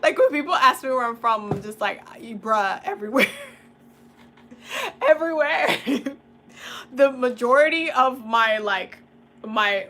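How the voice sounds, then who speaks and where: Chatty young woman from the dominican republic, bright slightly high voice, laughs a lot, faint hiss behind. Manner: chatty, laughs often, casual slang. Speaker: tarot and oracle reader. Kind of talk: casual livestream chat.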